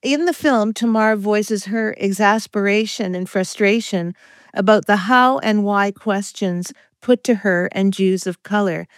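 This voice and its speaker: A woman's voice: medium pitch, unhurried, no room sound. A woman hosting a podcast who introduces a film clip and asks her guest thoughtful questions. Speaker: podcast host. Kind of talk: interviewing.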